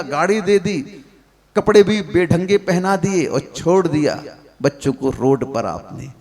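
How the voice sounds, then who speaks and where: A male religious preacher scolds parents in a sermon and fires one reproachful rhetorical question after another. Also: high-pitched. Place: large hall at a public gathering. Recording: long hall reverb.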